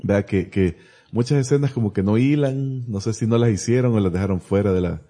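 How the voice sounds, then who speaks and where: A man's voice: on the low side, a little fast, warm tone. A man chatting casually on a podcast, recapping a film with rambling restarts. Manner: rambling, recounts scenes with restarts. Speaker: podcast host. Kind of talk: casual movie review chat.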